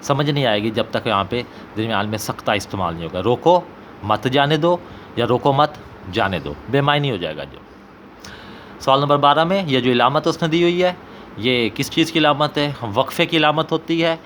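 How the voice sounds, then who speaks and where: A man with a Pakistani Punjabi accent, an Urdu teacher working through an exam paper and slowly repeating example sentences. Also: medium pitch, lively intonation, fairly bright tone, slight background noise.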